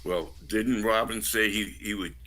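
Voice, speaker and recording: A man's voice: fairly low pitch, steady tone, a little slow, sharp tone, slight background noise. A man chatting casually as a guest on a livestream. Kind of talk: casual chat.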